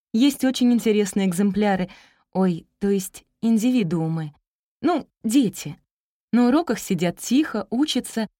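A woman's voice: on the high side, mellow, no echo, clean studio sound, voice pushed up. A woman voicing a flustered, eager young female teacher in an audiobook story, talking in a nervously cheerful, babbling way. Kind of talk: audiobook character reading.

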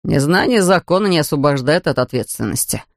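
A man's voice: fairly high pitch, brisk, no echo, pitched below the performer's own voice, close to an everyday voice. A man voicing a stern, weary male police officer in an audiobook, with a dry, official manner of speaking. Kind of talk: audiobook character voice.

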